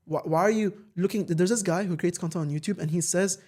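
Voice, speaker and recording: A man with a high voice hosts a casual podcast at a quick clip. He is slangy and emphatic, often saying a phrase twice to drive it home. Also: mellow.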